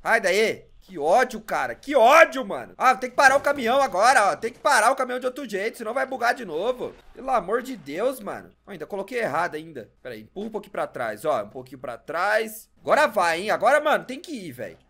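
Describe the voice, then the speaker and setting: Brief: young Brazilian man, casual gameplay commentary, bright lively voice, loud exclamations and constant slang. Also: high voice, fast talker, gravelly, few pauses. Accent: Brazilian Portuguese. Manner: exasperated, complaining about bugs. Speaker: gamer.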